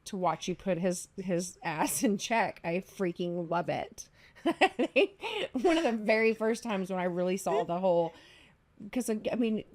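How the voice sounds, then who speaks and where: A woman's voice: on the low side, moderate pace. A woman hosting a podcast, chatting casually and telling stories with lots of laughter. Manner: laughing, animated storytelling. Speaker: podcast host. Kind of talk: casual chat.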